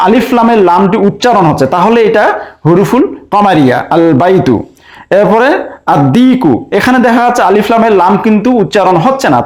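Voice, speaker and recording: A man teaching a recorded language lesson, going through each example methodically and repeating the same explanation, with some hesitations. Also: high-pitched. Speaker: Arabic teacher.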